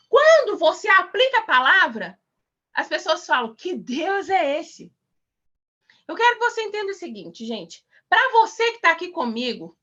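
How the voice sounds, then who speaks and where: High, lively woman preaching in a class. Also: dull audio. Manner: emphatic, exhorting, rhetorical questions.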